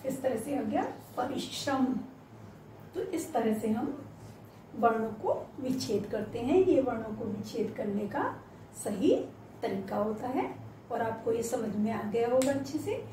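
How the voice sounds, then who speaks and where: A woman teacher giving a grammar lesson, slowly spelling out words letter by letter. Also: fairly high pitch, animated, dark tone, a little hiss or hum. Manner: slow, spells out each letter one by one. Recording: echoey room, mic at a distance.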